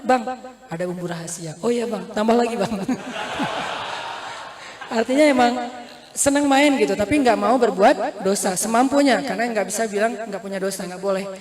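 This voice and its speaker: A man giving a casual sermon, telling stories with lively acted-out quotes and jokes. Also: high voice. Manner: lively storytelling, acting out quoted voices, joking. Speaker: preacher. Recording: roomy hall reverb.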